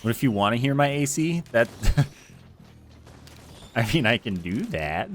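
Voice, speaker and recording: A man's voice: medium pitch, big pitch swings, slow, soft background music. A man streaming a game from home, chatting casually into a close desk mic, rambling with lots of fillers. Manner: rambling, self-deprecating, chatty with many fillers. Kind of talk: casual gameplay stream chat. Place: home room with air conditioner. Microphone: close desk mic with foam screen.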